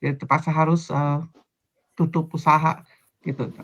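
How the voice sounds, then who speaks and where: A woman in her fifties, a grandmother, introducing herself hesitantly with many pauses over a video call. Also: sits low, flat delivery. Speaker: guest panelist. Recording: dull lo-fi video call audio.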